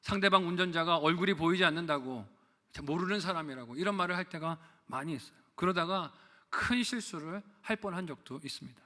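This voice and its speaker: Bright-voiced pastor preaching in a reverberant church. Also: male voice, on the high side, a little fast. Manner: storytelling with quoted asides, rhetorical questions. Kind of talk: sermon. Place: church sanctuary.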